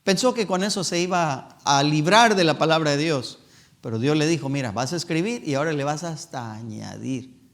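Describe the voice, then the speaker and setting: Male evangelist, fairly high voice, emphatic church sermon, slow deliberate scripture reading. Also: animated, a bit bright. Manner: emphatic preaching, voices imagined excuses in a raised voice; reads scripture slowly and deliberately.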